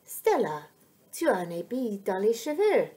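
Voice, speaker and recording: A woman reading a storybook aloud, voicing a curious, easily worried small child who keeps asking high, anxious questions. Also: huge pitch swings, unhurried, dark tone. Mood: fretful.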